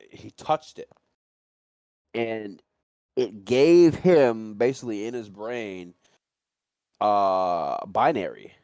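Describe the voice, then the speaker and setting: On a livestream, a man with a lowish voice tosses out casual, repetitive speculation and lively stories, dropping the occasional swear word. The sound is clean studio audio without any room sound.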